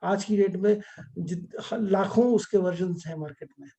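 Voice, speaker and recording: Dark-voiced man teaching astrology. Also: high voice, normal speed, highs cut off. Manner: explanatory, mixes Hindi with English terms. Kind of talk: online class lecture.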